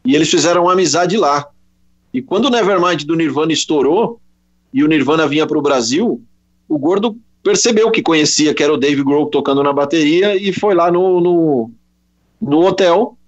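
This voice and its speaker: A Brazilian sports journalist, a man, telling an animated anecdote in a casual interview, quoting voices along the way. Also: a little high, normal speed. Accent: Brazilian Portuguese. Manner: animated anecdote with quoted voices, many restarts. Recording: slightly dull lo-fi audio.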